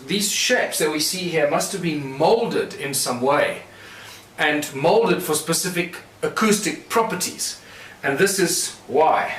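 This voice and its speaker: A man's voice: on the high side, fairly bright tone, reverberant, poor audio. A man giving a lecture with a hands-on demonstration, explaining in a loose, rambling way with fillers and restarts.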